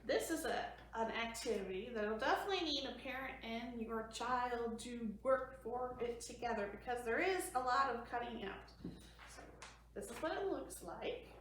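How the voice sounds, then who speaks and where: Her slightly high, fairly bright voice is animated, moving at a moderate pace as she reads a story to young children and keeps explanations simple. She's the library storytime host, recorded from afar in a very echoey room with faint noise.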